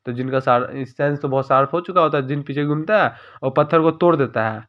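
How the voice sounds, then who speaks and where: A man narrating a story recap in a rapid, informal retelling. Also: mid-range voice, highs cut off.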